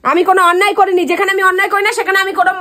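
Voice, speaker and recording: A woman playing a wife in a scripted domestic squabble, loud, defiant and argumentative. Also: extremely high pitch, level tone, very fast. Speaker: wife in a comic couple skit.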